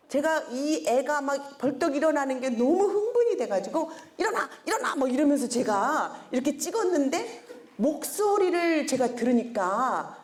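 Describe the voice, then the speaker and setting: Animated high-voiced woman lecturing. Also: a little hiss or hum. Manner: animated, acts out quoted scolding in a sharp voice. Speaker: seminar lecturer, head of a character-education school. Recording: roomy echo.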